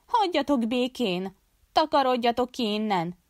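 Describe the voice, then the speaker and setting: A woman's voice: on the high side, very animated, dry recording, clean studio sound, voice pushed up. A woman reading an audiobook voices a desperate, defiant young woman who screams and cries out. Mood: screaming. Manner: screaming, crying out.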